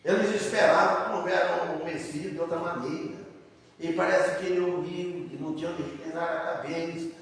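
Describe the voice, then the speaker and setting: A man preaches a sermon from the pulpit in a fairly high voice. He talks plainly to the congregation as brothers and often breaks off and restarts his words. He sounds distant from the mic, and the church hall around him echoes heavily. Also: fairly even intonation, brisk. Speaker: pastor. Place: church sanctuary.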